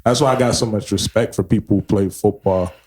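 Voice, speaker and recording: A man's voice: fairly low pitch, brisk, a little mellow. A man in his thirties co-hosting a podcast, chatting in easygoing slang. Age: 30s. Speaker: podcast co-host. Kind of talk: casual chat.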